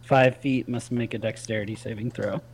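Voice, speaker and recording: A man's voice: medium pitch, fairly even intonation, moderate pace, husky, rough recording. A man playing a tabletop game, thinking aloud with fillers. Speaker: player. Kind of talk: casual tabletop play.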